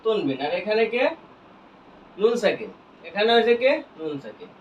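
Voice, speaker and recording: A man teaching Quran reading, who asks each point as a question, answers it himself, and spells out letters slowly. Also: sits high, big pitch swings, a little hiss or hum. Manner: slow, drawn-out spelling of letters. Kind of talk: classroom lesson with call-and-response questions. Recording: echoey, distant, dull lo-fi room sound.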